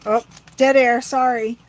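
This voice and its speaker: A woman's voice: a little high, takes it slowly, low-quality recording. A middle-aged woman rambling chattily to her viewers while she works on a crafting livestream. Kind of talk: casual crafting livestream chat.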